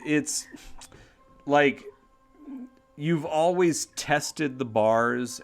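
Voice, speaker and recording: A man narrating as game master of a tabletop game, talking in a loose, rambling way. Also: medium pitch. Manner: rambling, full of fillers and restarts.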